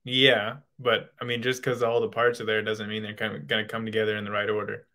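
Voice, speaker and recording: A man's voice: lowish voice, completely flat delivery, brisk, bright, forceful tone. A male guest in a casual call-in debate, explaining his views with lots of hedging and restarts.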